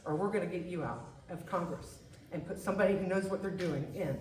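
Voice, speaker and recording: A woman's voice: on the low side, fast talker, very noisy. A woman giving an urgent, indignant public comment at a town hall meeting, speaking directly to her congressman. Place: museum meeting room. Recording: echoey room from far off.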